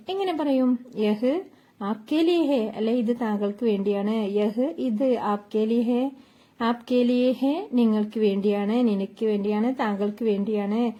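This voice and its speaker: Slow, high-voiced woman teaching. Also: warm tone. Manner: patient, repeats each phrase several times. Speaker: Hindi teacher. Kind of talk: slow language lesson, repeating each phrase.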